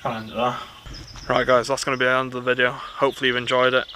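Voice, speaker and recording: A man hosting a ghost-hunting vlog inside an abandoned house, calling out hushed, coaxing questions to the spirits. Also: medium pitch, little pitch movement, rapid-fire, recorded from a distance, slight background noise, low-quality recording. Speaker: paranormal investigator host.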